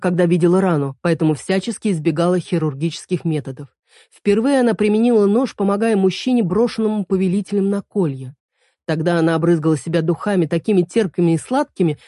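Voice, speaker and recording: A woman reads a fairy-tale story aloud in a measured, even manner. Her voice is mellow and dark, and the recording is dry and close. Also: on the low side, no room sound. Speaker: audiobook reader. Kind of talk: scripted narration of a fantasy tale.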